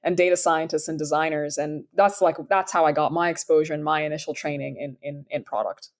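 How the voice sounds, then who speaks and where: A woman in her thirties from Sudan speaks in a low, deep register. She talks through her career in an upbeat, chatty interview style, with plenty of ums and restarts. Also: brisk. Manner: upbeat, enthusiastic, frequent fillers. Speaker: startup founder, guest. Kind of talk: conversational interview answers.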